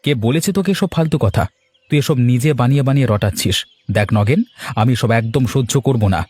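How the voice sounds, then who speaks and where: A man's voice: medium pitch, lively intonation, quick pace, darkish tone, slightly rough, dry recording, faint music behind. A man voicing a hot-tempered newly married young man in a cartoon, blunt and angry. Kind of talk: cartoon voice acting.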